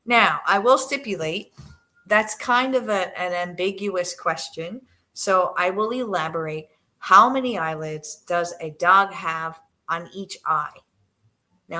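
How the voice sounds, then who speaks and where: Sitting on the sofa in her living room with her dogs, a woman hosts a casual livestream chat with viewers. Her mid-range voice is soft and gentle and trails off, and she's hesitant, full of fillers and restarts.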